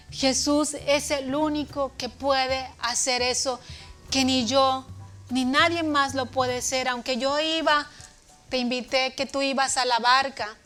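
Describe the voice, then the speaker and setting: A woman teaching a children's church lesson, speaking tenderly to the kids and booming out dramatic commands in her story, with a Latin American Spanish accent. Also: a bit bright. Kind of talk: children's sermon.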